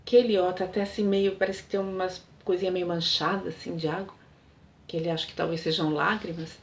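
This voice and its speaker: A woman's voice: fairly low pitch, level tone, brisk. A woman casually retelling a story's plot in a chatty way, full of fillers.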